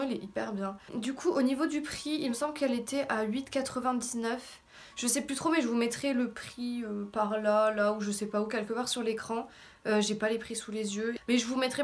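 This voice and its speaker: A woman with a French accent, also on English words, giving an informal, slangy, self-deprecating beauty haul chat. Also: a little high. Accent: French, heard also in her English. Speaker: beauty vlogger. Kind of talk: casual haul video chat. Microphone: camera in front of her with ring light.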